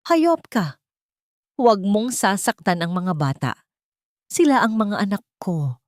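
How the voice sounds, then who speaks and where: A woman's voice: mid-range voice, big pitch swings, unhurried, a little mellow, no room sound, studio quality. A woman voicing a battered male captive who pleads in a strained, stuttering voice. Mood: anguished.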